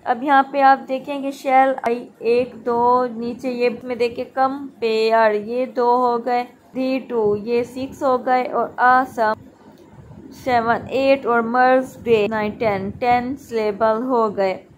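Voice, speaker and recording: A woman teacher explaining a lesson step by step, slowly counting syllables aloud and mixing English terms into Hindi. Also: a little high, fairly even intonation, a little hiss or hum, low-quality recording.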